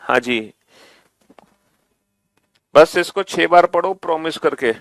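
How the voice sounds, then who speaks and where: A man with a high, ringing voice leads an online reasoning class, repeating instructions and urging students along. His voice sits close and dry, with no room around it. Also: slow pace, gravelly, a bit bright, no room sound. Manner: coaxing, repetitive, calls students beta. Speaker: reasoning teacher.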